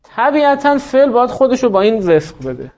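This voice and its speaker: High-voiced male teacher, lo-fi classroom. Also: very animated, darkish tone. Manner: explains step by step, quizzes students by name. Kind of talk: classroom lecture.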